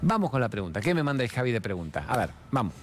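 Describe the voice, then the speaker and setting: A man in his sixties with an Argentine accent, hosting a TV talk show in a fast, playful, expressive way that moves from jokes to spiritual reflection. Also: mid-range voice. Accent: Argentine Spanish. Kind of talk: chatty monologue with humorous anecdotes and sponsor mentions.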